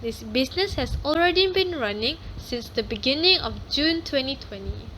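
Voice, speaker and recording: A young woman student reading a prepared class presentation in a careful, steady way. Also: sits high, normal speed, a little hiss or hum, rough recording.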